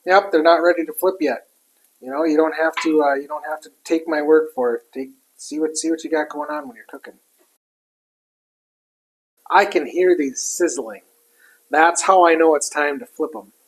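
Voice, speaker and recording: A cook chats casually while working a griddle, with food sizzling and utensils clinking in the background. The voice is medium-pitched and husky at a moderate pace with frequent pauses, captured on a rough recording.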